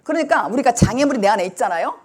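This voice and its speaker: A woman's voice: on the high side, very fast. A woman pastor preaching a sermon emphatically, sometimes acting out the cries of the people she describes. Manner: emphatic, lively preaching that acts out the blind man's cries.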